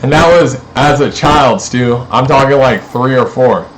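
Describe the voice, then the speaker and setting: A man's voice: medium pitch, measured pace, low-quality recording. A man in a rambling, profane, accusatory monologue aimed at his neighbors.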